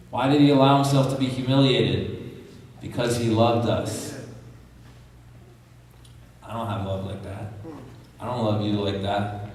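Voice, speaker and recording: A male pastor preaching a sermon in earnest, plain-spoken, punchy short sentences. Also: medium pitch. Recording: echoey hall from far off.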